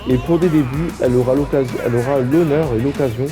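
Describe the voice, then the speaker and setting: A man's voice: mid-range voice, fast talker, music in the background. A man commentating a wrestling game casually, rambling and joking with many fillers.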